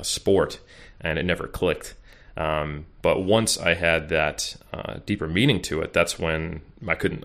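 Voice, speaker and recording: With a very deep yet slightly bright voice, a bodybuilding coach guesting on a podcast keeps up a casual interview chat. He rambles, using lots of fillers and starting sentences over.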